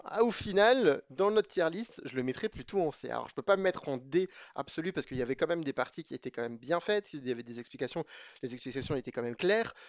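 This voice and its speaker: A man's voice: a little high, lively intonation, fast, no room sound, dull audio. A man giving a casual spoken review of programming books to his viewers, chatty and opinionated, hesitating with many fillers and restarts.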